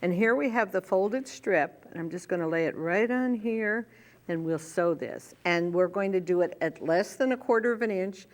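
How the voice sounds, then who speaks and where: A woman's voice: medium pitch, normal speed. An older woman hosting a quilting show, explaining each step as she works with her hands. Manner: friendly step-by-step explaining, talking while working. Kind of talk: hands-on sewing demonstration.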